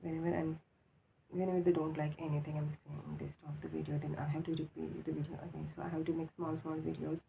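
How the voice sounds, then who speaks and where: A woman with an Indian accent giving a casual, halting, unscripted opinion monologue, repeating herself for emphasis, just awake with a swollen mouth. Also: deep voice, level tone, creaky. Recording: tinny phone-like sound with faint noise.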